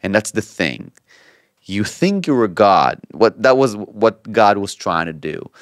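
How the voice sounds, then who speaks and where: A young man, co-hosting a casual podcast chat, animated and repeating words as he talks. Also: lowish voice, unhurried, no room sound, clean studio sound. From Israel. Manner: animated, does playful voices, stumbles and repeats words. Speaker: podcast co-host.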